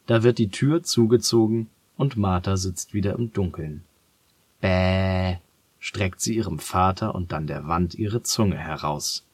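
A man narrating a children's story in a calm, measured way. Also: deep voice, breathy edge, no room sound.

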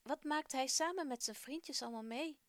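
A woman voicing a kind, patient father who speaks to his son with gentle, encouraging questions in a children's radio story. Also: high-pitched, moderate pace, dry recording, pitched above the performer's own voice.

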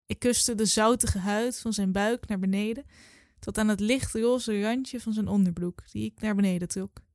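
Twenty-something woman reading her own story out loud, calm and measured, dry close sound. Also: mid-range voice, no echo. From Netherlands. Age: 20s. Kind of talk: literary reading.

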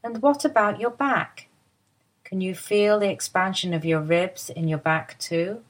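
A woman giving soft, soothing guided instructions for a body-awareness lie-down. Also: medium pitch. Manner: soft, slow, soothing guidance. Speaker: movement teacher guiding a lie-down.

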